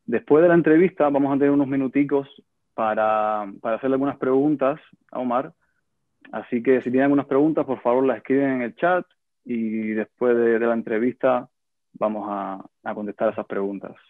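A man's voice: medium pitch, steady tone, a little fast, no echo. Young guy on a video call with earbuds, thin phone-like sound, dry. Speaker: event moderator. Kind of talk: online event introduction.

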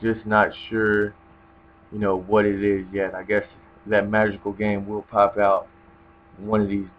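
A man's voice: on the low side, completely flat delivery, measured pace. A young man giving casual gameplay commentary in a rambling, hesitant, laid-back way. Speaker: gamer commentator. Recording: dull lo-fi mic with loud noise.

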